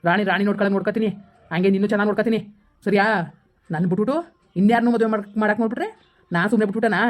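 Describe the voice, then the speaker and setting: Wheedling bossy landlord played by a woman, quick talker. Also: mid-range voice, steady tone, natural voice. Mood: smug. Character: scheming rich male village landlord.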